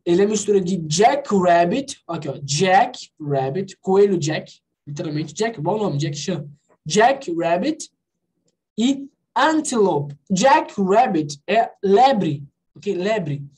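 A woman's voice: mid-range voice, big pitch swings, slow pace, a little mellow. Woman, Brazilian accent, English teacher, patient explaining, keeps checking in with students. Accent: Brazilian Portuguese. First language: Portuguese. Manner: mixes English and Portuguese, repeats checks like "alright?" and "ok?". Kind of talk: online class explanation.

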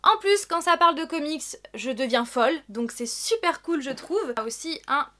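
A young woman vlogger chatting excitably through an unboxing. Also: high-pitched, normal speed. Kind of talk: casual unboxing chat.

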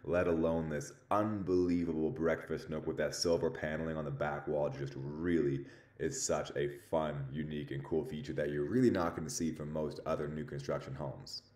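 Deep-voiced upbeat realtor man. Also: normal speed. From Denver area. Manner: upbeat, salesy and excited. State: out of breath. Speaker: realtor giving a home tour. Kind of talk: enthusiastic walking home tour.

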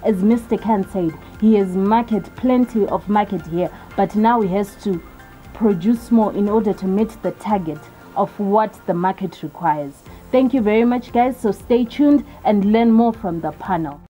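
Soft-spoken woman host outdoors. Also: medium pitch, moderate pace, faint music behind, low-quality recording. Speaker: show host. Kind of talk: outdoor farm interview. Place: outdoors in a garden.

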